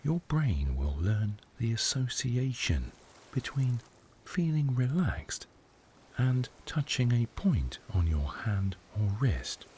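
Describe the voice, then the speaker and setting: Male meditation guide, deep-ish voice, very unhurried, gentle hushed and whispery narration. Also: a little hiss or hum. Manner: soft, hushed delivery, often slipping into a whisper.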